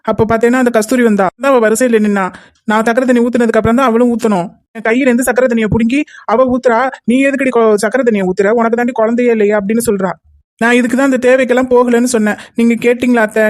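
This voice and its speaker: A woman's voice: a little high, a little mellow, close to an everyday voice. A woman voicing a tearful, wounded young wife in a cartoon. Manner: complaining through tears. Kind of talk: cartoon voice acting.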